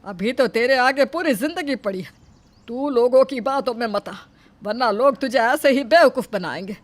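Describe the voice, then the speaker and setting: A woman voicing a kind, protective middle-aged mother-in-law in an animated story, gently soothing and scolding. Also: on the high side, moderate pace, close to an everyday voice. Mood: consoling.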